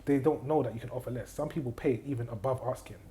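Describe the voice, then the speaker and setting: A man's voice: medium pitch, fast talker, warm tone. A man, a guest on a casual podcast interview, speaking with confidence as he gives advice, repeating key phrases and checking that the listener is following him. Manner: checks in with "do you get what I mean". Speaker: guest, property investor and trainer.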